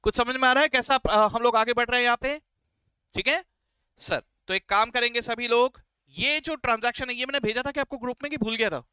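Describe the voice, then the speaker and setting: A man with a very high, bright, resonant voice speaks a little fast and forcefully, recorded clearly with no room sound. He's teaching beginners' accounting in a Hindi-English classroom lecture, going step by step in a friendly, encouraging way. He keeps checking "right?" and "okay?" and calls his students "beta" and "sir".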